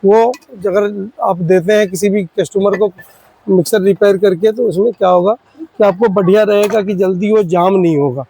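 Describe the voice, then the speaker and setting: A man's voice: high voice, steady tone, normal speed, warm tone, breathy edge, low-quality recording. A man, a spare parts shop owner, explaining products to fellow shopkeepers in an earnest, pleading, repetitive way.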